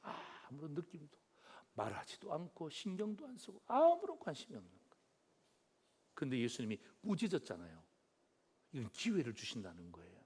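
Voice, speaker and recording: A man preaches a Sunday sermon in a high voice whose pitch leaps and falls with lively animation. He keeps calling out to his congregation and firing rhetorical questions at them. He swings from loud, emphatic phrases down to hushed, low asides. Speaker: pastor.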